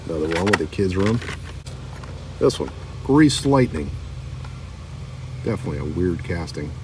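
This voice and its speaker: A man's voice: low voice, big pitch swings, moderate pace. A middle-aged man casually showing toy cars from his collection, chatting and reading the card backs aloud. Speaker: diecast collector vlogger. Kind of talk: casual show-and-tell narration. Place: outdoor table by a lake on a windy day. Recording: distant mic with wind noise.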